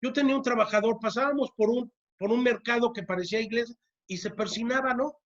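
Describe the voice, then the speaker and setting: A church teacher leads a parenting class, talking fast at a medium pitch over dull audio. She keeps asking the audience "¿sí?" to check in and repeats key words to drive them home.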